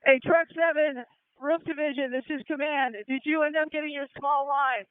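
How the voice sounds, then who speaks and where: High-pitched man barking orders over radio. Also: steady tone, no echo. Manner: brisk, clipped orders. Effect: two-way radio transmission. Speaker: fire incident commander. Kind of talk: fireground radio traffic. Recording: tinny dry radio channel.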